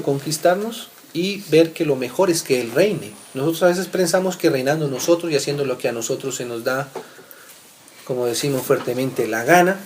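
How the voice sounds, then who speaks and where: A man's voice: fairly high pitch, slight background noise. Preacher man teaching scripture, asking "right?". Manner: reads scripture aloud, asks listeners "¿cierto?" often; swings between loud readings and soft asides. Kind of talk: Bible teaching.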